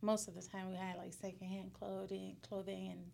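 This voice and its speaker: A woman in her thirties from Puerto Rico, a guest in a casual interview, talking in halting bursts and laughing often. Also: medium pitch, level tone, vocal fry, darkish tone, slight background noise. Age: 30s.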